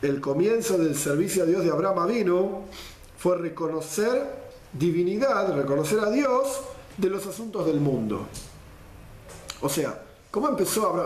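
Man, lively Torah class teacher, slightly high voice, roomy echo. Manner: lively explainer, mixes Hebrew quotes with Spanish gloss.

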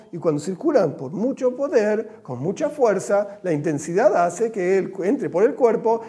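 A man's voice: high-pitched, mellow. A man putting on an overly patient parent who lectures a small child at great length in a syrupy tone. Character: overly patient, long-winded doting parent.

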